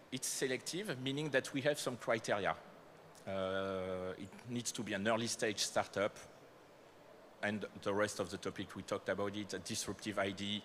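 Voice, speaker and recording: A low-leaning but fairly bright male voice, accented French, carries this conference presentation about startup programs. The corporate speaker, from France, fills pauses and corrects himself frequently in a conference hall, with a bit of hiss or hum audible.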